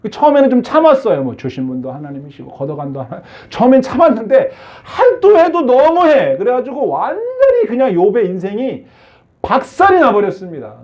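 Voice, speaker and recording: A man's voice: very high-pitched, wildly swooping pitch, fairly quick, darkish tone, highs cut off. A male pastor preaching a sermon, asking his congregation many questions and acting out the voices he quotes.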